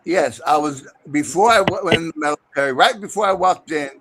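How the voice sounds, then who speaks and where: A man's voice: on the high side, a little fast, a crowd in the background. A man chatting casually in a group, talking in a rambling, insistent way. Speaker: military veteran.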